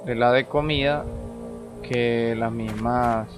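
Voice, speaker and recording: A man's voice: medium pitch, steady tone, slow pace. Man rambling over game music. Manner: rambling, thinks aloud while playing. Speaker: gaming channel host. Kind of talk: casual gameplay commentary. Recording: game music playing behind the voice.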